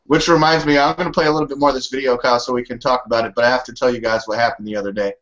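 A man's voice: medium pitch, steady tone, rapid-fire, a bit bright. A man co-hosting a casual podcast, rambling while he pulls up videos and tosses in sarcastic asides. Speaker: co-host. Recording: dull lo-fi audio.

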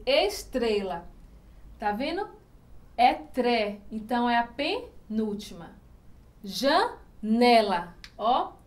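A woman teacher, giving a grade-school lesson and stretching out syllables as she sounds out words, often asking the class questions. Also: high voice. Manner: slow, drawn-out syllables when sounding out words; asks the class frequent questions.

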